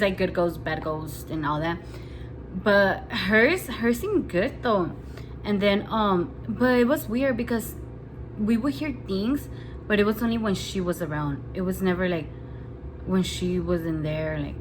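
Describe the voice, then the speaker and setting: A young woman telling a story to her camera, rambling and spooked, with "like" in almost every sentence. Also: fairly low pitch. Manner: rambling, nervous, heavy use of "like" as filler. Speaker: vlogger. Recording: home video with steady outside noise. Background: building-washing noise outside.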